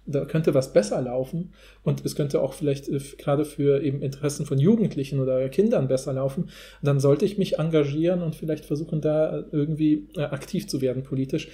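A man hosts a podcast, talking casually in a loose, rambling, informal style. His voice sits a little high and has a warm tone.

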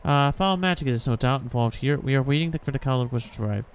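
A man's voice: medium pitch, fast talker, smooth, close to an everyday voice. A man voicing a formal, worried city guard in a fantasy game, stiff and official. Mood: official, concerned.

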